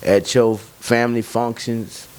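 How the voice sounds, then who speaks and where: A man's voice: mid-range voice, level tone, takes it slowly, a little mellow, clean tone. A man in casual conversation, often hesitating and searching for his words.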